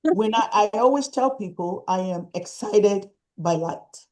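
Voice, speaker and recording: A woman's voice: mid-range voice, unhurried, darkish tone, low-quality recording. A woman guest speaker giving encouraging advice in an emphatic way, repeating her points for stress. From Nigeria.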